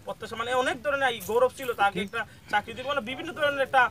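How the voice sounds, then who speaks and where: Man voicing a high-pitched hot-tempered village landlord, Habiganj accent, barking orders, bright tone, muffled outdoor recording. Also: racing, a little hiss or hum. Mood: aggrieved. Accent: Habiganj regional Bengali. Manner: barks orders loudly.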